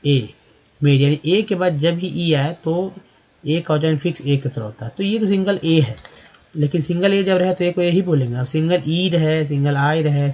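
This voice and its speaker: A man's voice: fairly high pitch, a little mellow, lo-fi sound. A man giving a spoken lesson on English pronunciation, spelling words out letter by letter and repeating them. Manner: addresses viewers as friends and asks questions to the class. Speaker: English teacher.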